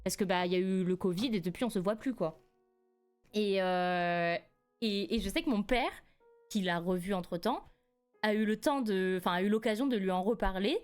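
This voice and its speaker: A woman's voice: mid-range voice, moderate pace, soft background music. Chatty young woman telling a story. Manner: animated, laughs often, rises sharply when indignant. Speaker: streamer. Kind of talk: casual live-stream storytelling.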